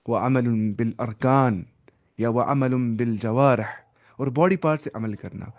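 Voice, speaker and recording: A man teaching a Quran lesson, reciting Arabic phrases slowly and then explaining them in Urdu with English words mixed in, his delivery emphatic, rising and falling. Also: mid-range voice, darkish tone.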